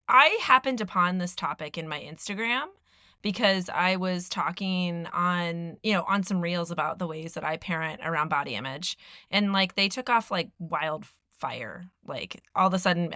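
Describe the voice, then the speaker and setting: A woman co-hosting a podcast in a relaxed, chatty way, laughing easily. Her voice sits fairly low but sounds bright and forceful. The sound is close and dry. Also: no room sound. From Philadelphia. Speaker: podcast co-host. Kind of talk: casual podcast chat.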